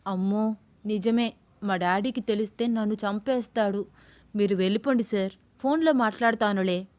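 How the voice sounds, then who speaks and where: A woman's voice: moderate pace, a little mellow, no room sound, lightly acted. A woman voicing a young woman in love who is agitated and fiery, in an audio story. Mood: frightened. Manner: shrill, agitated pleading.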